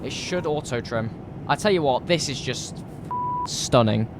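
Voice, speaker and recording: Croaky British man live streaming over rumble. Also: lively intonation, unhurried. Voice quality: slightly croaky. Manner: chatty, informal, thinking aloud. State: recovering from a cold. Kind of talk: casual live stream chat while flight simming.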